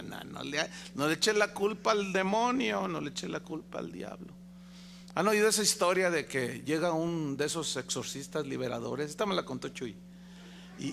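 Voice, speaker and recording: A man's voice: on the high side, vocal fry, sharp tone, a little hiss or hum. A man with a Mexican accent preaching a sermon in a folksy, conversational way, often putting questions to his listeners. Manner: folksy, conversational, quizzing the congregation. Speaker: pastor.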